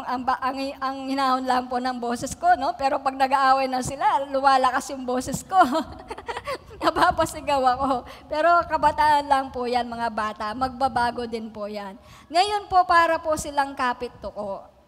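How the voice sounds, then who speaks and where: A woman's voice: high voice, a bit bright. A middle-aged woman from the Philippines preaching a sermon, telling family stories in a chatty way, laughing often and checking in with the congregation. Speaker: pastor. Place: church hall. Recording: long reverb of a church hall.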